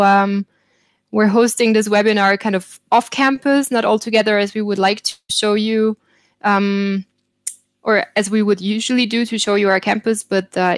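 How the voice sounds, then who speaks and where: A woman welcomes viewers to an online webinar, her voice a touch higher than most. She is friendly and fills her pauses with small hesitations. The sound is dry and close, as over a video call. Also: dry recording. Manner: friendly, filler-heavy delivery. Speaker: webinar host. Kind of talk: hosting a webinar.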